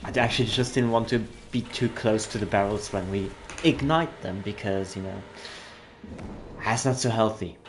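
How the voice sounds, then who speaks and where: A man's voice: fairly low pitch, moderate pace, noisy background. A man giving casual let's-play commentary as a gaming host. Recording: game music behind the voice. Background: game music.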